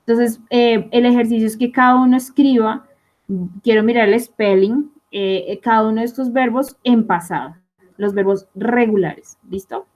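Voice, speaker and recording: A young adult woman gives a recorded online English lesson. Her voice sits a little high, and she talks her students through each rule with frequent rhetorical check-ins. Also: fairly even intonation, moderate pace, a little mellow. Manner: explanatory, asks rhetorical checks like "¿listo?" and "¿sí?". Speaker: English teacher.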